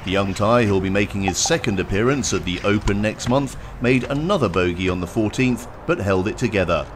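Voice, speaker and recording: A man reading a scripted highlights narration of a golf tournament over outdoor ambience. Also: brisk, noisy background.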